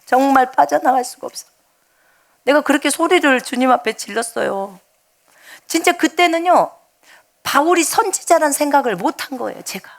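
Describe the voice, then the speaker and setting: Gravelly-voiced woman preaching a testimony. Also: high voice, lively intonation, moderate pace. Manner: emotional storytelling, shifts between loud outbursts and hushed asides. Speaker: missionary preacher. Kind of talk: sermon, personal testimony.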